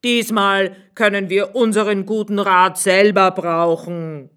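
A woman's voice: medium pitch, steady tone, takes it slowly, a bit bright, clear, resonant tone, pitched above the performer's own voice. A woman reading a storybook aloud, voicing a blunt male innkeeper who speaks curtly.

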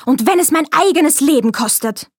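A woman's voice: on the high side, lively intonation, measured pace, slightly rough, dry recording, clean studio sound. A woman voicing an envious, vengeful queen with an intense, cold delivery in a fairy tale reading. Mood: furious. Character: vain wicked queen, envious and furious.

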